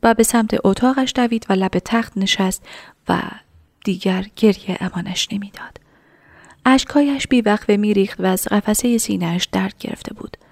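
A woman narrating a story in a soft, half-whispered reading voice. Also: mid-range voice, no room sound, studio quality.

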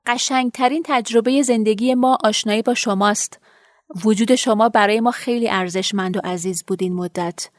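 An actress playing a young woman who warmly thanks her counselor in a radio drama. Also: fairly high pitch, steady tone, no echo, clean studio sound, close to an everyday voice. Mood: grateful. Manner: warm, grateful.

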